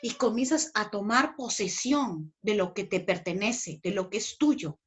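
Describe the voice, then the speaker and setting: A woman's voice: mid-range voice, animated, a little slow. A woman with a Peruvian Spanish accent preaching a teaching sermon, emphatic, acting out the voices of doubt and faith. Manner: emphatic, acts out inner voices.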